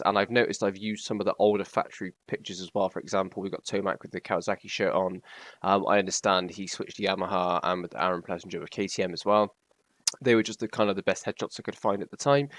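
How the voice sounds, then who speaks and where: A young man with a British accent talks through his predictions with eager, chatty energy and plenty of ums. His voice sits fairly low, and the recording is dry and close, with little sound of the room. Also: dry recording. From Britain. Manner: chatty and enthusiastic, with frequent ums. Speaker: YouTuber. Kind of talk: casual vlog commentary.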